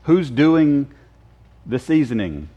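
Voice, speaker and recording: A man's voice: medium pitch, very animated, takes it slowly, warm tone, highs cut off. A man teaching a casual Bible class, joking and quizzing his students. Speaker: Sunday school teacher. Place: church classroom.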